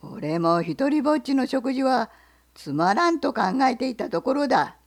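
A woman voicing a big, lonely male bear with a gravelly, booming voice and a bossy manner in a picture-book reading. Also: very animated, normal speed, exaggerated voice. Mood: gruff. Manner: bossy and loud. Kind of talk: picture-book read-aloud.

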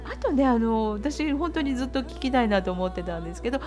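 Bubbly animated woman radio host. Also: on the high side, fast talker. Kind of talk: casual interview.

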